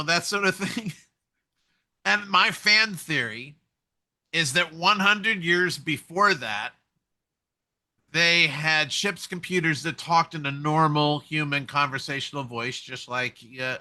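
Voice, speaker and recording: Guy with a really bright ringing voice, a bit high, chatting and musing. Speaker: co-host. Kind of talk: casual conversation.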